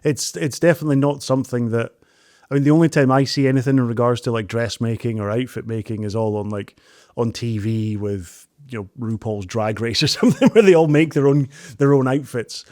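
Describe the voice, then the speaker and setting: A man hosting an interview podcast, energetic and excitable, chatting casually and laughing often. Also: mid-range voice, brisk, dry recording, studio quality. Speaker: podcast host.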